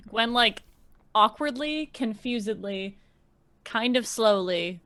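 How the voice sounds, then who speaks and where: A woman's voice: a little high, lively intonation, takes it slowly, fairly bright tone, no echo. A woman casually describing her character's actions as a tabletop game player, hesitantly searching for words.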